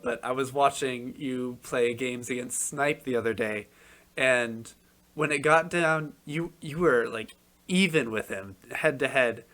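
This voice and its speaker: A man hosting a podcast, asking a guest measured, friendly questions with the occasional filler. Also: mid-range voice, sharp tone. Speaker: podcast host. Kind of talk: interviewing a guest.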